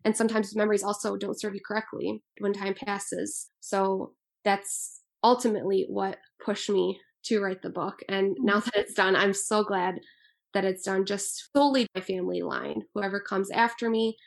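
Woman, twenties, author, from Albania, earnest, thoughtful, gravelly. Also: mid-range voice, little pitch movement, moderate pace. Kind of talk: interview answers.

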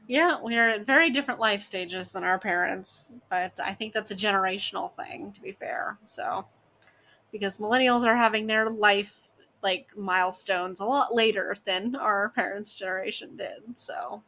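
A woman's voice: medium pitch, moderate pace, sharp tone. A woman in her thirties chatting casually with friends, rambling with lots of fillers and laughter. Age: 30s. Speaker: dungeon master. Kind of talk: casual chat among friends.

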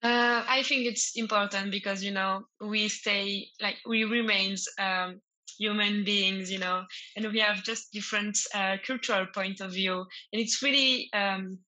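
A woman's voice: medium pitch, fairly even intonation, unhurried, sharp tone, rough recording. A woman from France with a French accent, guest on a podcast, speaking hesitant English as she searches for words with fillers.

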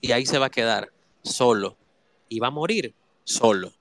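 Guy doing a motivational talk, bright punchy voice, dry sound. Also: mid-range voice, expressive, normal speed, no echo. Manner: emphatic, addresses listeners directly with rhetorical questions. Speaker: motivational speaker.

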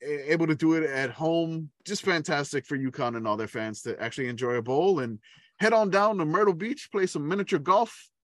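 Slightly high voiced dude gushing about football, dry close mic. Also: male voice, brisk, fairly bright tone, no room sound. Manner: enthusiastic, laughs often, rambling restarts. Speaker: podcast co-host. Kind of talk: casual sports chat.

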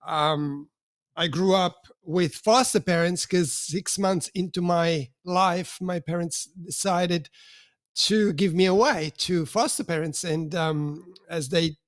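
A man's voice: sits high, takes it slowly, dry recording, studio quality. A man in his fifties from Switzerland, an enthusiastic interview guest who talks with many fillers and restarts. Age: 50s. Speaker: podcast guest, mentor. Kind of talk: conversational interview.

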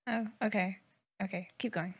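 A woman's voice: mid-range voice, fairly even intonation, moderate pace, slightly rough. A woman in casual chat, her voice faint and muffled as if heard through a wall.

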